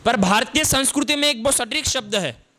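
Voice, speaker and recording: A man's voice: extremely high pitch, fairly quick, sharp tone, a little hiss or hum. A man giving a sermon as a Buddhist monk, asking his listeners questions and answering them himself as he explains what words mean. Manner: explains word meanings step by step.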